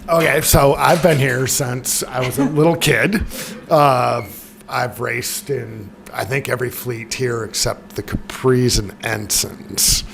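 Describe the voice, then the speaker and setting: A man's voice: mid-range voice, steady tone, slow pace, vocal fry, noisy background. A man giving a casual talk to an audience, wry with laughing asides. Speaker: presenter.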